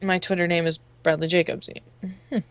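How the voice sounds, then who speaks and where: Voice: medium pitch, flat delivery, a little fast, fairly bright tone, smooth, no room sound. A stream co-host chatting casually and reading viewer messages aloud. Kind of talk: casual live-stream chat.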